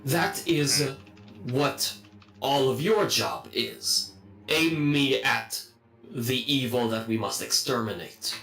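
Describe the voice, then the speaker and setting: A man's voice: mid-range voice, slow pace, creaky, sharp tone, echoey room, faint music behind, exaggerated voice, low-quality recording. A man voicing a literal-minded, cold male construct in a stiff, formal robot voice for a tabletop game. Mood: matter-of-fact. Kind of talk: playing a character in a tabletop game.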